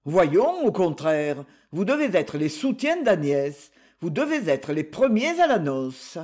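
A man's voice: high voice, very animated, takes it slowly, a little mellow, exaggerated voice. A man voicing a coaxing old shoemaker. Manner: coaxing, insinuating. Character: shoemaker, middle-aged man, coaxing and affectionate.

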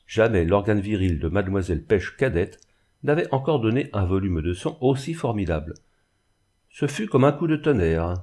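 A man narrating a classic novel in an expressive, dramatic reading. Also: lowish voice, moderate pace. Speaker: audiobook narrator. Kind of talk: literary reading.

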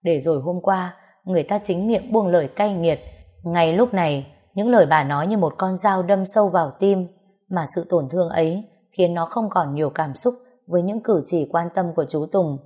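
A woman narrating an audiobook story in a calm, even reading voice. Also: on the low side, moderate pace, breathy edge.

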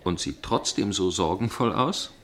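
In a German radio play, a low-voiced gentleman narrator plays a suspicious dinner guest with a probing temper. His delivery is formal and measured yet lively in intonation, curious and inquisitive with a probing edge.

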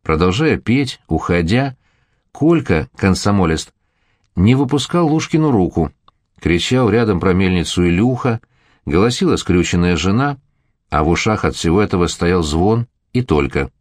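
Deep-voiced male audiobook narrator. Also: very animated, moderate pace, darkish tone, dry recording, studio quality.

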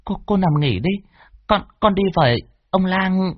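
A woman's voice: medium pitch, animated, unhurried, no echo. A woman voicing a timid young female servant girl in an audio story, stammering and deferential. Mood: anxious. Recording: dull lo-fi dry recording.

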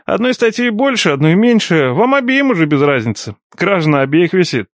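A man's voice: high-pitched, sing-song, a little fast, no room sound, clean studio sound. A man voicing a cocky young former student who teases his teachers with sarcastic banter, in an audiobook. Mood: mocking. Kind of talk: audiobook character dialogue.

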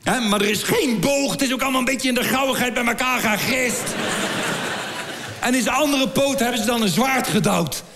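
A middle-aged man doing a stand-up comedy routine for a live audience. He stammers and repeats words as he builds crude, deadpan jokes. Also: very high voice, a little fast, slight background noise.

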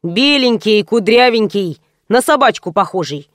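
A woman voicing a calm, odd elderly father who gives ominous warnings, in an audiobook. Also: mid-range voice, unhurried, no room sound, clean studio sound, lightly acted.

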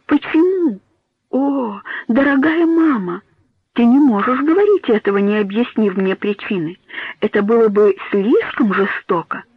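A man's voice: extremely high pitch, expressive, measured pace, breathy edge, dry recording, pitched above the performer's own voice, full character voice. A man voicing a frantic pleading young woman. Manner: pleading, rising, tearful. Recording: tinny phone-like dry audio.

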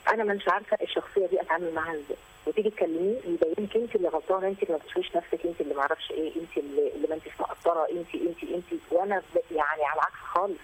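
A woman's voice: lowish voice, very fast, slight background noise, rough recording. A woman caller, pouring out an aggrieved complaint.

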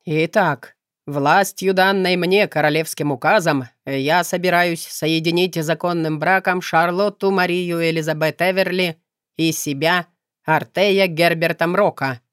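A woman reading an audiobook, voicing a cruel, mocking young nobleman villain in a low drawl. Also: fairly even intonation, a little slow, clear, resonant tone, no echo, clean studio sound, natural voice. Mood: pompous.

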